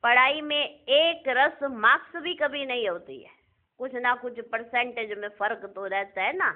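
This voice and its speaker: A woman's voice: on the high side, measured pace. A woman giving a devotional sermon, asking her listeners rhetorical questions and repeating key phrases. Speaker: spiritual discourse reader. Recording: narrow phone-like audio.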